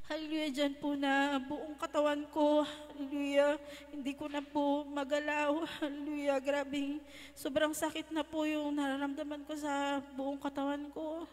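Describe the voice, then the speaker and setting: A young woman giving a religious testimony in a church, halting and polite, with frequent hallelujahs. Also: high voice. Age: young adult. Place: church hall. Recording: long hall reverb.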